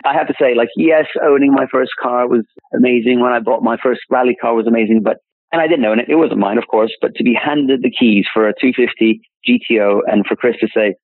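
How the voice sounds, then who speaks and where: Over dry, echo-free phone-line audio that sounds tinny, a classic car dealer is interviewed in a casual chat. He has a medium-pitched voice and speaks fast, rambling with lots of restarts and repeated words.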